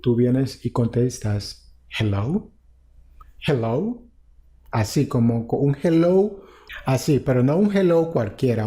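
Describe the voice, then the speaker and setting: In a mid-range voice with a dark tone, a man teaches English to Spanish speakers. He repeats each English phrase slowly, then gives the explanation in Spanish.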